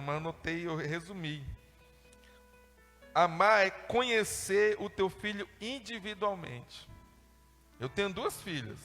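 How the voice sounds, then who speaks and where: A man preaches with a fairly high voice, animated and playful, slipping into little acted-out dialogues. His voice rings with a long hall reverb. Soft music sits faintly underneath. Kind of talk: sermon.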